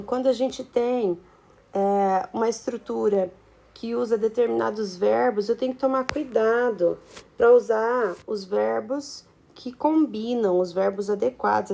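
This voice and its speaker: A woman's voice: on the high side, measured pace, vocal fry, mellow. A Brazilian woman teaching a video lesson, explaining at length and checking in with tag questions and fillers. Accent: Brazilian Portuguese.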